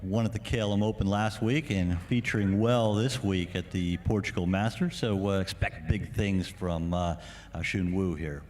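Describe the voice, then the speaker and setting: A man giving live golf commentary, filling in on players in an informative, measured way. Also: deep voice, darkish tone.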